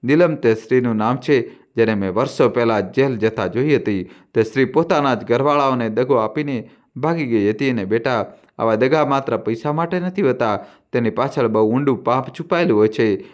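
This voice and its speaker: Old man figure, grave and secretive, slow hushed delivery, played by the narrator. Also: medium pitch, lightly acted.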